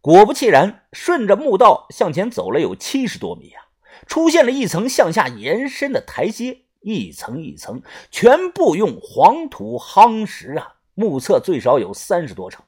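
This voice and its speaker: Male audiobook narrator, husky tone, very lively pitch, first-person adventure reading. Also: measured pace. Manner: animated storytelling. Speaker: storyteller.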